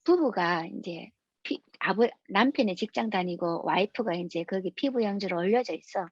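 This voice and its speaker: A woman's voice: mid-range voice, expressive, normal speed, slightly rough, dry recording, muffled recording. A woman giving a lecture, explaining rules through anecdotes in a storytelling manner.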